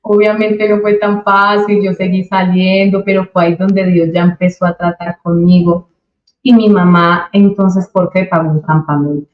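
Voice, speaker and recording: A young woman giving a personal faith testimony as an interview guest, telling her story in a lively way and acting out what others said. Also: lowish voice, moderate pace, roomy sound, muffled recording. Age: young adult. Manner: animated storyteller who acts out quoted dialogue.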